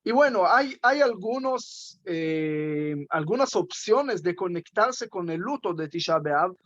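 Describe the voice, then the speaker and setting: High-voiced rabbi giving a measured talk. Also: male voice, animated, a bit bright, muffled recording. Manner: measured, with pauses and rhetorical questions. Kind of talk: spoken teaching talk.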